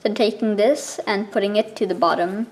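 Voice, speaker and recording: A woman explaining something step by step in a casual, informal tutorial style, with halting pauses between steps. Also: medium pitch, fairly even intonation, a little mellow. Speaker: card trick tutorial presenter.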